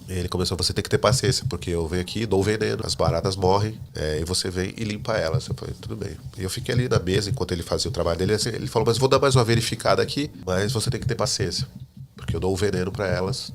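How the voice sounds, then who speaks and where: A man telling his personal faith testimony as a podcast guest, a lively storyteller who acts out the dialogue he quotes. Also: low voice, a little hiss or hum. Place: living in the United States.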